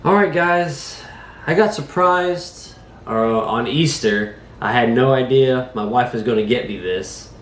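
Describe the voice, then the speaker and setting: Seated at his kitchen table while recovering from a cold, a drone-review host talks in a chatty, folksy way, leaning on fillers. His medium-pitched voice is a bit bright and unhurried. The sound is reverberant with slight background noise.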